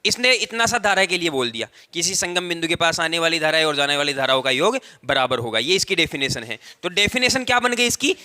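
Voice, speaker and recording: A man's voice: fairly high pitch, animated, pushed and bright. A male tutor giving a lecture, explaining step by step and repeating key phrases, stretching out words for emphasis. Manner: explanatory, repetitive, drawn-out stressed words. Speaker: technical tutor. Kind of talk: classroom lecture at a whiteboard.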